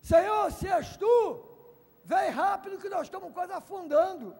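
A panicked apostle Peter, acted out by a male preacher, cries out high and urgent, begging for rescue from the storm. The voice is gravelly and carries a long echo through a large hall. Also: unhurried. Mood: panicked pleading. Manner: shouting, urgent pleading.

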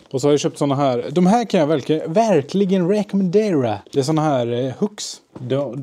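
Young male vlogger, casual and rambling, mellow tone, on a handheld camera. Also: fairly high pitch. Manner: rambling, mixes in English phrases. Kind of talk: casual solo vlog. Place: basement and workplace, indoors.

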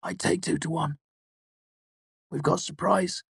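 A man doing a high, nervous mercenary. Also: fairly even intonation, unhurried, vocal fry, breathy edge, no echo, studio quality, exaggerated voice. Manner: high, strained and hushed, coughing and edgy. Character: nervous, hoarse-voiced male mercenary archer. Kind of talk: audiobook character voice.

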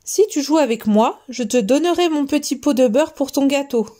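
A woman's voice: high-pitched, moderate pace, dark tone, pitched above the performer's own voice, lightly acted. A woman voicing a cheeky little girl in red in a children's story, blunt and unimpressed. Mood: bargaining.

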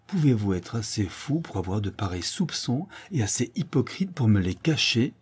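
A man's voice: lowish voice, very animated, normal speed, breathy edge. A man voicing a tender, teasing young countess in a storybook, speaking in a raised voice. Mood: earnest.

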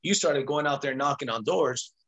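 A man's voice: medium pitch, moderate pace, a bit bright, rough recording. A man hosting a video call interview, encouraging and speaking straight to his team. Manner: encouraging, addresses the audience directly. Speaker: host. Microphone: webcam on a video call.

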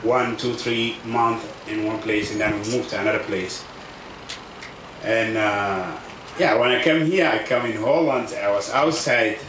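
Here a South Sudanese man in his thirties, a refugee whose first language is a South Sudanese language, offers testimony at a public event in hesitant English. His voice is lowish. The table microphone on its stand, set up outdoors under a camp tent, captures him distantly, with echo and background noise.

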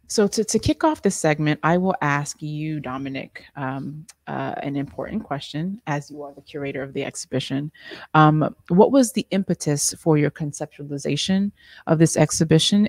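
A woman moderating a gallery panel, reading speaker introductions in a halting way with restarts. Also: sits low, a little mellow, no room sound, studio quality. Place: art gallery room, indoors.

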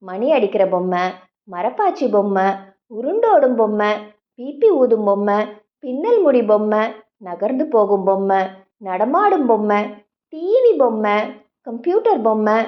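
A woman narrating a children's audiobook in an expressive storytelling manner, speaking straight to young listeners. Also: medium pitch, moderate pace, long pauses, dull audio. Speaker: audiobook reader.

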